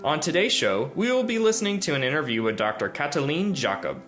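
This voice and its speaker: A male host introduces the program and then puts questions to a guest, with some hesitant fillers. His pitch moves a lot, and soft music plays faintly behind him. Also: a little fast. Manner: lively intonation, hesitant fillers when asking. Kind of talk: scripted intro and interview questions.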